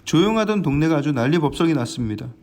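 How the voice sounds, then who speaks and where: Earnest, animated Korean pastor. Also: male voice, fairly high pitch, fast talker. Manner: earnest, animated, acts out scenes. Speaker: senior pastor. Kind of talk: dawn prayer sermon.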